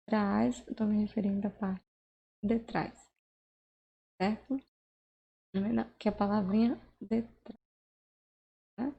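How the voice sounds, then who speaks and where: A woman's voice: on the high side, gravelly, mellow, slightly rough. A woman teaching a grammar lesson, explaining patiently step by step and checking in with the listener. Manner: patient, explains step by step with frequent tag questions. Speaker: Portuguese teacher.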